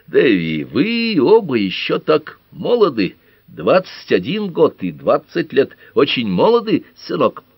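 A tall, grey-haired older father talks slowly and with weight, as a man puts him on for an audiobook. He picks his words with care, and his lively voice sits higher than the narrator's. The reading is dry and close. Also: no room sound. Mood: grave.

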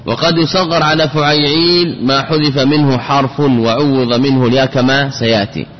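A man's voice: medium pitch, fairly even intonation, moderate pace. A man gives a classical Arabic grammar lesson, drilling patterns by repeating words and stretching them out syllable by syllable. His voice carries a long reverb, as if in a large hall. The recording is dull and lo-fi with a faint background hiss.

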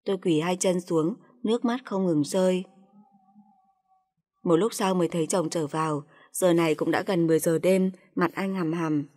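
Lower-voiced woman narrating a personal story. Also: moderate pace, darkish tone.

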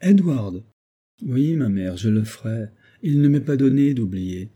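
A man's voice: lively intonation, a little slow, mellow, husky. A man voicing an anguished young widower, haunted by his dead wife and pleading emotionally. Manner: pleading, emotional, rising in pitch.

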